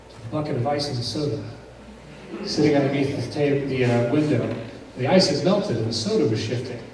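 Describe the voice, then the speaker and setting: A male pastor telling a story in a sermon, dramatic and suspenseful, with pauses that build tension. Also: a little high, a little mellow, a little hiss or hum. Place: church sanctuary. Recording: very echoey church recorded from a distance.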